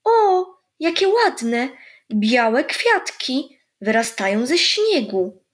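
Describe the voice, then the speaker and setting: A woman voicing a small eager curious girl in a children's storybook, calling out with excited, chirpy exclamations. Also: high-pitched, normal speed, pitched above the performer's own voice, lightly acted.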